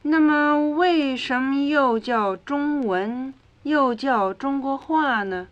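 A woman reads her side of a scripted lesson dialogue slowly and deliberately. Her voice is mid-pitched for a woman. The recording is dull and lo-fi, typical of a 1950s record. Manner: slow, deliberate reading of drill lines.

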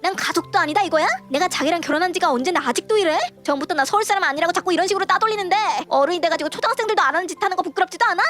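A young woman playing a fed-up wife and daughter-in-law who talks back fast and indignantly. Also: very high voice, a bit bright. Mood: angry. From Gyeongsang, South Korea. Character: fed-up young wife, sharp-tongued and hurt. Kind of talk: Korean web-toon radio drama acting.

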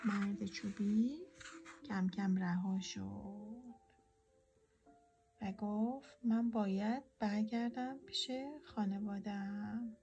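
A woman reading a children's storybook aloud in a gentle, often half-whispered voice. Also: fairly high pitch, creaky, lo-fi sound. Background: soft instrumental music.

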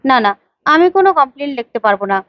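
A woman's voice: high-pitched, sing-song, quick pace, no echo. A woman voicing a firm, lecturing woman police officer, on a dull lo-fi recording. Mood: dismissive. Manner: stern, lecturing, commanding.

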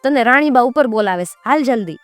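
A woman's voice: on the high side, lively intonation, fast talker, no echo, faint music behind, voice pushed up, close to an everyday voice. A woman voicing a young servant girl in a folk tale, calling out shrilly. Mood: urgent calling.

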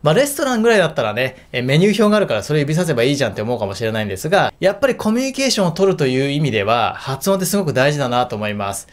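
A man teaching in an emphatic, lively way in a video lesson. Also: on the high side, rapid-fire, few pauses. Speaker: English teacher.

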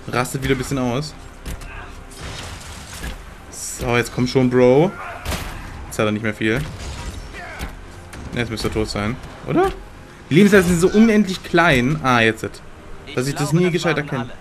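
Young guy for let's-play commentary, slangy and excitable, mid-pitched, faint hiss behind him. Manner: slangy, excitable, talks to the game characters. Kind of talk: casual gameplay commentary.

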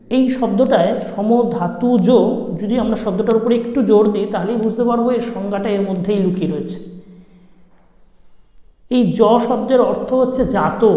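Teacher with a West Bengal accent, dark, mellow tone; measured exam-prep lesson, repeats key points; reverberant room. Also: medium pitch. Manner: repeats key phrases slowly to stress them; asks questions and then answers them. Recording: roomy with a long reverb tail.

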